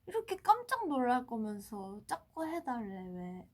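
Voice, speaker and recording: A woman in her twenties hosting a casual livestream, chatting playfully with fans and often dropping to a hushed tone. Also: on the high side, very animated, measured pace. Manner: playful, often drops to a soft hush. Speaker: idol livestream host. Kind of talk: casual livestream chat, answering fan comments.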